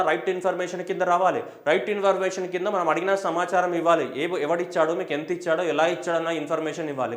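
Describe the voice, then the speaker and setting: A man's voice: high-pitched, reverberant. A man, teaching an exam-prep class and firing questions he answers himself. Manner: emphatic, asks and answers his own questions; switches between Telugu and English. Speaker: teacher for competitive exams. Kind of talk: classroom lecture.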